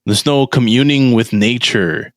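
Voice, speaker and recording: A man's voice: medium pitch, no echo, clean studio sound. Laid-back man hosting a podcast. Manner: laid-back, halting, many fillers. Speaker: podcast host. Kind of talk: casual chat. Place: studio.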